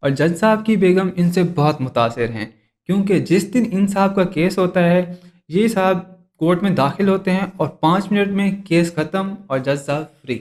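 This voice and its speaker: A male host presents a comedy podcast sketch. He sounds exasperated and keeps scolding his guest, in a voice that sits a little high for a man. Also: moderate pace, a little mellow.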